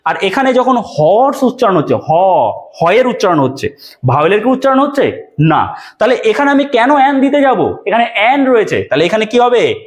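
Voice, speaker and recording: A man's voice: high-pitched, very animated, brisk. A man teaching an English grammar lesson for exam prep, often repeating questions and checking that students follow.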